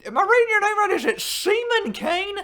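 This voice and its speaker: A man's voice: extremely high pitch, brisk, exaggerated voice. A man voicing a brash, foul-mouthed male wrestling fan who hosts a live stream and reads chat comments aloud. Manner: crude, swears freely, excitable outbursts. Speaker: livestream host reading chat.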